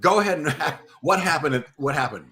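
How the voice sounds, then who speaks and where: A man's voice: fairly high pitch, animated, moderate pace, sharp tone. A man on a casual live panel, prodding with questions and interrupting to ask again. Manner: probing questioner, interrupts with "hold on".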